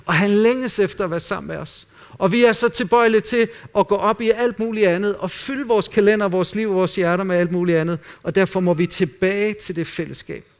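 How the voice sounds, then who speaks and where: A man preaching a sermon in an earnest way, dropping at times to quiet, intimate asides. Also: high voice, clean tone. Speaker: pastor.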